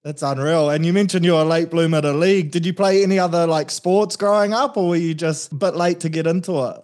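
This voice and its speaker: A man with a high voice hosts a sports podcast, keeping things upbeat and chatty. He asks his questions casually and throws in slang. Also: steady tone, quick pace, a little mellow. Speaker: podcast host.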